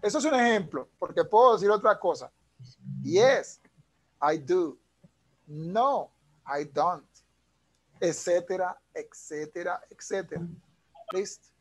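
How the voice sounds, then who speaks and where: A man's voice: high-pitched, lively intonation, slow pace, pauses often. A man, an English teacher explaining punctuation patiently over a video call. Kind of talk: online class explanation.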